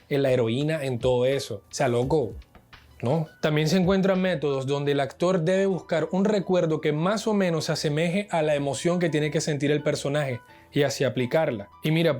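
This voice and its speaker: A man teaches acting in a video lesson. He talks straight to the viewer in a didactic, chatty way, slipping in casual asides. His voice sits a little high. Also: a little mellow.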